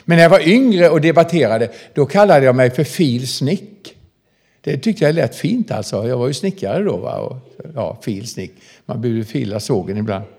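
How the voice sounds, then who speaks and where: Older man, prison minister, storytelling sermon, folksy, animated, middle-pitched voice. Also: slightly rough. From southern Småland, Sweden. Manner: folksy, animated, addresses listeners directly.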